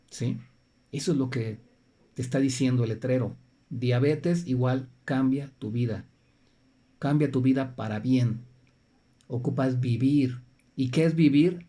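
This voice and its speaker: A man's voice: mid-range voice, warm tone. A man gives an informal health talk to his viewers. He keeps checking in with "right?" and often repeats and restarts his phrases as he explains. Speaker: natural health presenter.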